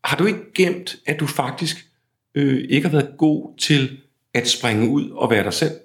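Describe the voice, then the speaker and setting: A man's voice: mid-range voice, a bit bright. A man coaching a client, talking bluntly and pushing back on her. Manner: blunt, challenging. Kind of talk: coaching conversation. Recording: roomy echo.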